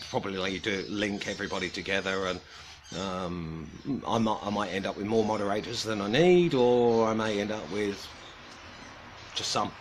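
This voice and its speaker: A man from Australia with a British accent hosts a casual livestream for a carving group, greeting viewers in a subdued mood. He's halting and hesitant, with many pauses and restarts, and his low-ish voice carries a little hiss or hum.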